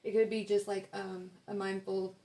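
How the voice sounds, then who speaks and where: A woman's voice: mid-range voice, little pitch movement, normal speed, dark tone. A young woman giving a casual tarot reading, rambling with many fillers as she reads card texts aloud. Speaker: tarot reader.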